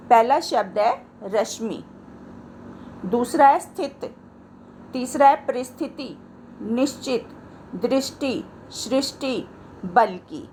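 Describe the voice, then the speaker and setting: A woman teacher walks through a grammar lesson at a very slow, deliberate pace, her voice fairly high with a gravelly edge. She explains step by step, pointing to the words she has marked. Faint noise sits under the recording.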